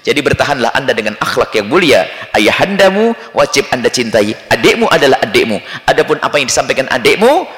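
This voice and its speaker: Lively man preaching in an echoey hall. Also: medium pitch, quick pace. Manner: lively, jumps between loud emphasis and quiet asides. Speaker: Islamic preacher. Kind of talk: sermon answering questions. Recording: echoey hall with long reverb.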